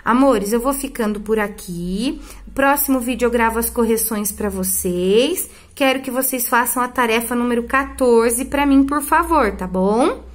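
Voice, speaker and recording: A woman with a Brazilian accent, a school Portuguese teacher giving a recorded remote lesson, stretching out example words and checking in often with "tá?". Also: fairly high pitch. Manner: affectionate, drawn-out example words with frequent "tá?" check-ins.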